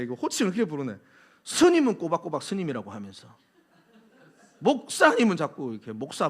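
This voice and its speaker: Brief: male preacher, animated sermon delivery, joking asides, high-pitched voice. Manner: animated, acts out quotes; jokes with congregation. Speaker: pastor.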